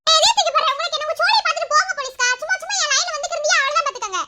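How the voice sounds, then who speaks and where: A woman voicing a feisty, sharp-tongued young village woman in love, with a Madurai Tamil accent and teasing backchat. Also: very high voice, animated, racing, heavy background noise. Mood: defiant. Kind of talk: cartoon voice acting.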